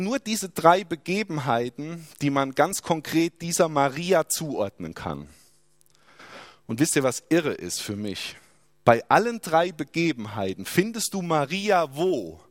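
Man, sermon, animated delivery, rhetorical questions, dry close mic. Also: fairly high pitch, no room sound. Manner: lively, rhetorical questions, emphatic drops in voice. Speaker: preacher.

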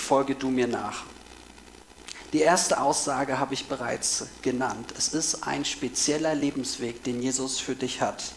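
A man's voice: on the high side, slight background noise, rough recording. Earnest man preaching a devotional. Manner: earnest, emphatic repetition of key phrases. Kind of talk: devotional Bible reading and address.

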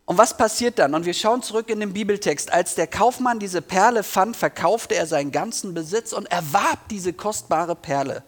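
A male preacher with a slightly raised pitch delivers an earnest sermon. He speaks directly to the congregation, asks them questions and reads scripture aloud. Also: normal speed, few pauses. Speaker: pastor.

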